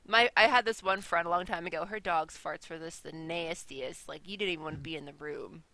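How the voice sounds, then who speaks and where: Giggly woman podcast co-host, bright voice. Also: lowish voice, fairly quick, no room sound. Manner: giggly, animated, jokey. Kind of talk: casual chat over a call.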